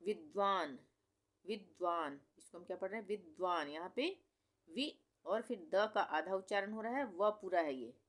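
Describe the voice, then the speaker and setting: A woman with a fairly low voice teaches Hindi reading in a slow instructional lesson. She says each difficult word slowly several times, stretching the syllables and explaining the pronunciation. She asks the learner patient, explanatory questions.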